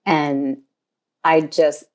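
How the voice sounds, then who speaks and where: An older woman from the United States, hosting a casual interview, complimentary and thinking aloud with pauses. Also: sits low, little pitch movement, darkish tone. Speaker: podcast host, fashion designer.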